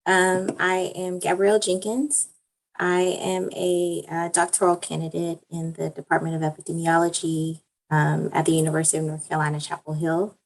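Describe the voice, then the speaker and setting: A woman's voice: sits low, flat delivery, normal speed, vocal fry, low-quality recording. A woman speaking carefully with many fillers as a doctoral-candidate panelist on a video call. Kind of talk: online panel talk.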